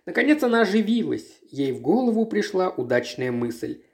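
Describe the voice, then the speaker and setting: Audiobook narrator, measured literary reading, very lively intonation. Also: medium pitch, vocal fry.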